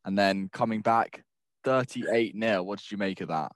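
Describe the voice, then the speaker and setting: Low-voiced teasing male sports host. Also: normal speed, no echo. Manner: teasing, banter-heavy. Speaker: podcast host. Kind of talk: casual sports chat.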